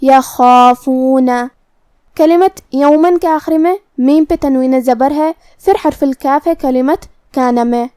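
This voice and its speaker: A woman with an Urdu accent teaching Quran recitation rules, explaining pronunciation in a measured, methodical way. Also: sits high, warm tone, dry recording, studio quality. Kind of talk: tajweed lesson, explaining then reciting.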